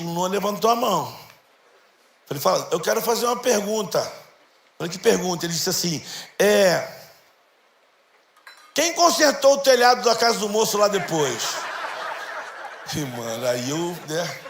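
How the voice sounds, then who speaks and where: A middle-aged man, telling stories in a church sermon and acting out the dialogue in a lively, slangy way. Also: on the high side, gravelly. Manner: animated, slangy, acts out dialogue. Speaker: guest preacher. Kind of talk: storytelling sermon. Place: church hall. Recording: echoey church hall, faint noise.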